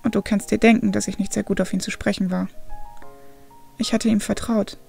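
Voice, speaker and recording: A woman voicing a protective young man confessing quietly and heavily to his sister. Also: medium pitch, level tone, brisk, gravelly, breathy edge, faint music behind. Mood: guilty confession. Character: guilt-ridden protective older brother, young man.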